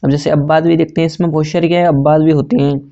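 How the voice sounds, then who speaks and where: Gravelly, flat-voiced male grammar teacher. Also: on the high side, very fast, highs cut off. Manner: repetitive, asks and answers own questions; self-correcting, says sorry mid-sentence. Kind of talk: exam-prep grammar lesson.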